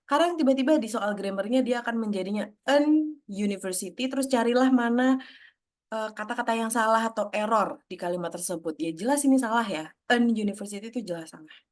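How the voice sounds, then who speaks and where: A woman teaches grammar in a patient, explanatory way, stopping to quiz her students. She speaks at a middle pitch and slips English words into her sentences. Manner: explanatory, mixes English terms into Indonesian, asks students questions. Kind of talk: online grammar lesson.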